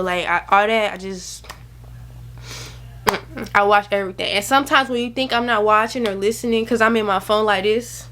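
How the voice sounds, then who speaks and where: Over a noisy background, a woman in her early twenties with a mid-range voice vlogs straight to the camera mic. She rambles in a chatty, emphatic way, handing out casual advice packed with slang.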